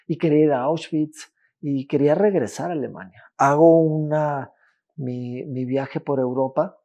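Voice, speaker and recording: A man, telling his own story as a podcast guest, halting, with restarts and repeated words. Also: fairly high pitch, warm tone. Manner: halting, with frequent restarts and repetitions. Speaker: interview guest. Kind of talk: personal testimony in a podcast interview.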